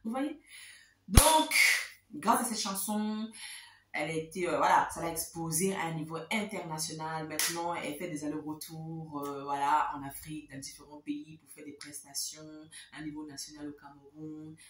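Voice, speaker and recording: A woman host casually telling a story to her viewers, chatty and lively, repeating words for emphasis. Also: deep voice, normal speed, reverberant, far from the mic, slight background noise.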